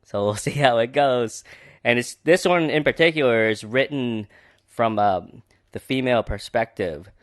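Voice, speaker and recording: A man's voice: mid-range voice, moderate pace, dry recording, studio quality. A man hosting a book podcast, giving casual, sarcastic commentary that rambles and is full of fillers.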